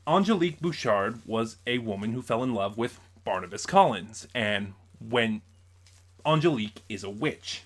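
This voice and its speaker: A man vlogs a casual unboxing review of audio drama purchases, rambling through explanations and often correcting himself. His voice is on the low side, with lively intonation and a normal speed.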